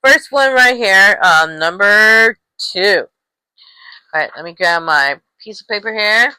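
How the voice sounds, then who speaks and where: A woman's voice: medium pitch, animated, takes it slowly, sharp tone, clean tone, dry recording, rough recording. A young adult woman teaching English letter sounds, repeating each one patiently and checking in with "okay?". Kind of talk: slow instructional talk on letter sounds.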